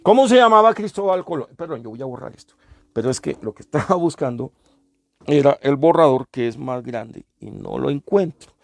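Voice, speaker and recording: A man's voice: mid-range voice, animated, a little fast, no room sound. A man lecturing a class, explaining step by step, repeating sounds and asking the class questions. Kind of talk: classroom lecture on language history.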